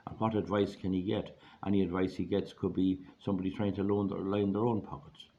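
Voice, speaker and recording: Hoarse, very deep-voiced Irish man. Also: flat delivery, fairly quick. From Ireland. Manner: plain-spoken, folksy, repeats phrases for emphasis. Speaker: online video host giving money advice. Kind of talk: informal rambling monologue. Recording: dull lo-fi audio, faint background noise.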